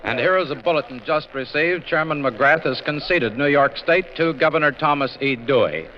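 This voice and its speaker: A man reading election bulletins as a radio news announcer, brisk and formal, heard on an old 1940s radio news broadcast recording. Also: fairly high pitch. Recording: dull, lo-fi old radio recording with faint hiss.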